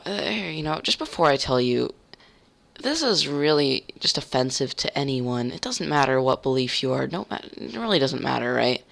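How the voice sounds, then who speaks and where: A man's voice: fairly high pitch, vocal fry, sharp tone. A young man telling a heated story in a casual rant, swearing and stumbling over restarts.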